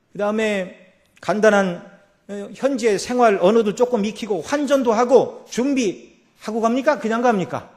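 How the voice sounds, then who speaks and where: High-voiced Korean pastor preaching. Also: male voice. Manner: rising to loud emphatic peaks, then dropping low; asks the congregation rhetorical questions. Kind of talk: sermon. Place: church sanctuary.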